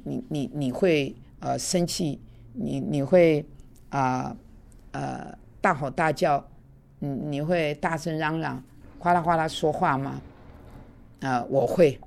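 Woman, Bible class teacher, low voice, gravelly, earnest, conversational. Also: a little mellow. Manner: earnest, conversational, mixing in English words.

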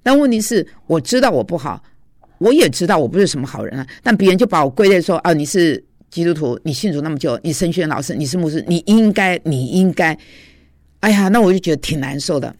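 A man's voice: fairly high pitch, lively intonation, fast talker, no echo, studio quality. A man who teaches at a seminary and preaches, giving an informal devotional talk in a confessional storytelling way with frequent hesitations.

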